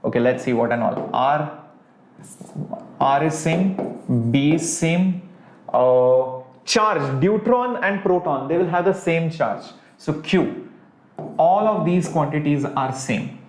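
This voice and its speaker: A man's voice: a little high, expressive, slow pace. A man with an Indian accent teaching a live online physics lesson informally, working step by step and asking rhetorical questions. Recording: echoey room sound.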